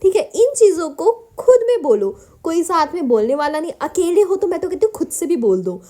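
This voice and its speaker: Speaking briskly in a very high, sing-song, mellow voice, an Indian woman gives a spoken-English lesson that blends Hindi and English. She encourages her viewers warmly, calling them her children.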